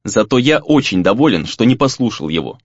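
A man voicing a calm, steady young male spell-caster hero who speaks in a reassuring way in an audiobook. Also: on the low side, a little fast, slightly rough, dry recording, dull audio, full character voice.

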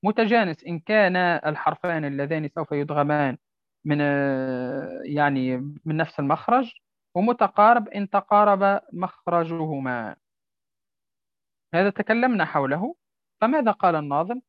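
A male Quran recitation teacher giving a tajweed lesson on a poem, slowly drawing out and repeating example words. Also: fairly high pitch, animated, no echo. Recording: dry, dull lo-fi sound.

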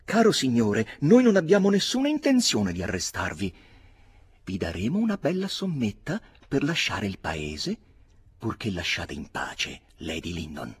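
A man voicing a small, cowardly lawyer who shouts in a nervous, squealing way. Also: fairly low pitch, huge pitch swings, moderate pace, husky, pitched above the performer's own voice, full character voice. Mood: wheedling.

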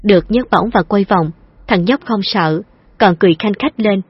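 A woman reading an audiobook novel in a calm, even narration. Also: mid-range voice, normal speed, breathy edge, no room sound. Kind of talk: storybook narration. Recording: dull lo-fi dry recording.

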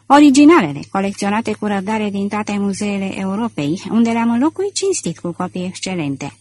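A woman voicing a proud, ironic gentleman thief in an audiobook. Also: medium pitch, sing-song, no echo. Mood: indignant. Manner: proud, ironic and self-assured. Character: elegant, boastful gentleman thief, man. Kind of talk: audiobook character reading.

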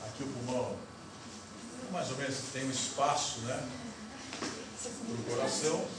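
A man's voice: medium pitch, a little slow, recorded from a distance. A man teaching a university class, explaining step by step as he draws and asking his students questions. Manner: explains step by step while drawing on the board, asks the class questions. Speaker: university lecturer. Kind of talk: classroom lecture. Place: lecture hall. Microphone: recorder far off in the room. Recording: echoey hall recorded from afar, noisy.

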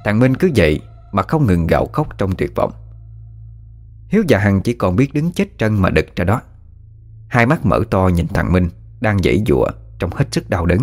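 Male storyteller, low register with animated pitch, dramatic ghost-story narration. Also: moderate pace. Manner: dramatic, hushed suspense. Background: faint music.

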